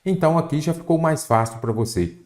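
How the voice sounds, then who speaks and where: A man's voice: on the high side, animated, fast, a little mellow. A Brazilian man teaching a Portuguese exam-prep lesson, explaining step by step and asking the viewer questions. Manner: didactic, asks the viewer questions.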